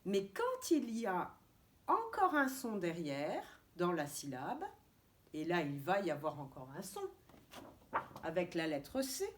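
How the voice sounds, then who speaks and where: A woman preschool teacher giving a reading lesson to young children over a camera, sounding out letters slowly and carefully in a coaxing way. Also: medium pitch. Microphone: camera mic.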